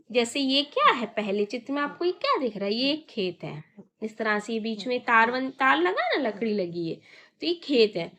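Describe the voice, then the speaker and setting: Woman teacher for small children: high, bright, slow, patient, repeats and asks questions. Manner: coaxing, repeats words slowly and asks questions. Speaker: primary school Hindi teacher.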